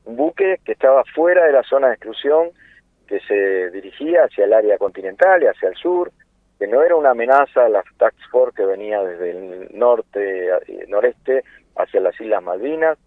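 A man's voice: fairly low pitch, expressive, normal speed, dry recording. Argentine man around 60 on a phone line. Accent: Argentine Spanish. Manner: earnest, many fillers and rhetorical questions. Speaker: interview guest, political activist. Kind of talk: impassioned political phone interview. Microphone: telephone. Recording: tinny dry phone line.

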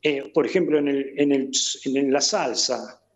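A man's voice: mid-range voice, a little slow, highs cut off. A man with an Argentine accent, chatting casually as a guest and rambling through restarts and repeated words. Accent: Argentine Spanish. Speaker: guest, Argentine living in Italy. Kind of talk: casual conversation.

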